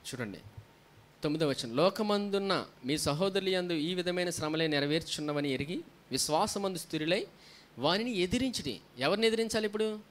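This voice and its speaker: Man, pastor, preaching sermon, rhetorical questions, hallelujahs, slightly high voice. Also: animated, fairly quick. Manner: asks the congregation questions and answers them himself; frequent hallelujahs between points.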